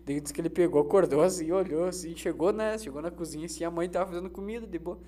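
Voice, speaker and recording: A man's voice: fairly high pitch, fast, warm tone. A man, a co-host who protests and tells stories animatedly in casual chat. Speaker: podcast co-host.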